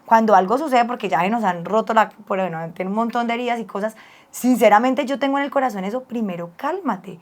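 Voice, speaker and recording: A woman's voice: a little high, fast talker. A woman, a psychologist co-hosting with her husband, chatting casually and telling personal family stories with affectionate asides to him. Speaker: psychologist and co-host. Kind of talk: casual advice talk with spouse.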